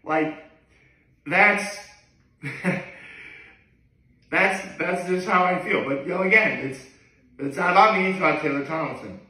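Guy in his 30s doing a rambly vlog, kinda high bright voice, super echoey room. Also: normal speed. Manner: hesitant, digressive, often backtracking. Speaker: daily video blogger. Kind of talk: casual rambling vlog to camera. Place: living room, indoors. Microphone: camera a few feet away. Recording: echoey room, distant microphone.

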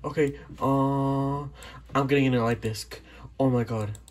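A man's voice: medium pitch, a little slow. A young man reacting live to his game, swearing and blurting out bursts. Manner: swearing, excitable outbursts. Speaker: gamer recording his play.

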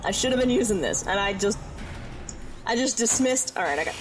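A woman giving casual let's-play commentary while she plays, muttering to herself with quick frustrated outbursts. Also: medium pitch, expressive, low-quality recording. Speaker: gaming YouTuber. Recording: game music behind her voice. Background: game music.

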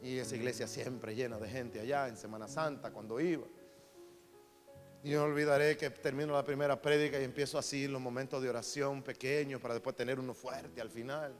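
A man preaching an emotional sermon, telling a story and then building fervently into shouted, repeated phrases. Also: mid-range voice, little pitch movement, fairly quick. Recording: reverberant hall, faint music behind.

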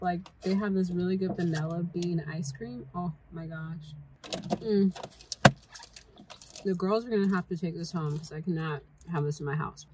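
A woman's voice: fairly low pitch, warm tone, a little hiss or hum, low-quality recording. Chatty young woman eating on camera. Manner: chatty, talks while eating. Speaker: vlogger. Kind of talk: casual food taste-test chat. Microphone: camera mic.

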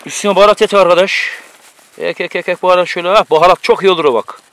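High-voiced man giving bossy outdoor instructions. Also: rapid-fire, fairly bright tone. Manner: bossy, teasing running commentary. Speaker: outdoor cooking vlogger. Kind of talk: casual outdoor chat, instructing a friend. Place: outdoors on a mountain.

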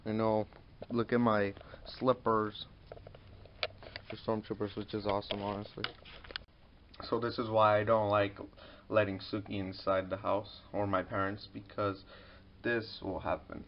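A man's voice: fairly low pitch, flat delivery, measured pace, pauses often, a little hiss or hum. Teen guy rambling with his mouth full. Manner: rambling, talks with mouth full while eating. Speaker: vlogger. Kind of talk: casual home vlog. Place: bedroom at home. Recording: roomy, dull lo-fi sound.

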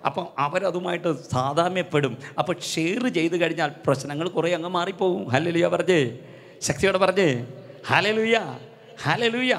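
An older man with a high, gravelly voice preaches a charismatic sermon at normal speed, spinning folksy, conversational stories and rousing the crowd to shout hallelujah again and again in call-and-response. It takes place in a large hall at a gathering, with long hall reverb on the recording.

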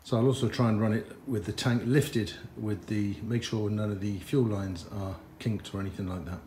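A man's voice: on the low side, steady tone, moderate pace, dark tone, a little hiss or hum. A man vlogging a motorcycle repair in his garage, thinking aloud and getting frustrated as he works. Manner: frustrated, muttering thoughts aloud. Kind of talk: talking to camera while working on a bike.

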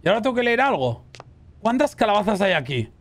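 A man playing a horror game as a streamer, chatting casually with his viewers, swearing and yelling at the scares. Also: sits high, fast. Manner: excitable, swears and shrieks at scares, talks to chat. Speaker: gaming streamer. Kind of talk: casual let's-play commentary.

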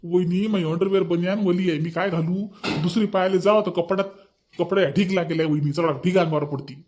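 A man voicing a bossy, petulant young husband in a cartoon, with a Vidarbha Marathi accent, nagging and repeating himself in rapid bursts. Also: high voice, steady tone, a little mellow, close to an everyday voice. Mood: whining. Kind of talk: cartoon voice acting.

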